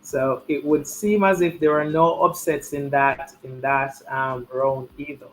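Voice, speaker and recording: A man's voice: on the high side, steady tone, unhurried, fairly bright tone, rough recording. A man giving live chess commentary and chatting, repeating his key points for emphasis.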